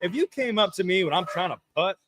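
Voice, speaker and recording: A man co-hosting a casual sports talk show, rambling with halting restarts and jokey asides. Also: high voice, lively intonation, a bit bright, slight background noise.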